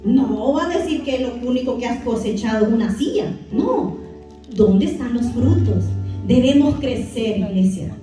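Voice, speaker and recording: A woman preacher with a high, mellow voice gives a storytelling sermon and calls out to her listeners as brothers. She sounds distant from the mic in a very echoey church hall. Soft music plays in the background. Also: lively intonation, unhurried. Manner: storytelling, addresses congregation as brothers. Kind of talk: Spanish-language sermon. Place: church sanctuary.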